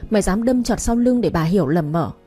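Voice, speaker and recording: A woman voicing a domineering middle-aged mother-in-law who scolds loudly in an audio story. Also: mid-range voice, lively intonation, fairly quick, slightly rough, faint music behind. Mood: scolding. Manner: scolding, loud.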